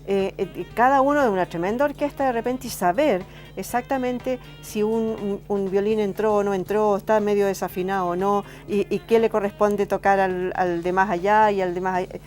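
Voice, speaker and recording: A woman's voice: mid-range voice, fairly even intonation, moderate pace, hardly any pauses, darkish tone, faint music behind. A woman with a Chilean accent co-hosting a talk show, curious and asking many questions. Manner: curious, asks many questions with short "ya" replies. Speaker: co-host. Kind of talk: casual conversation on a talk show.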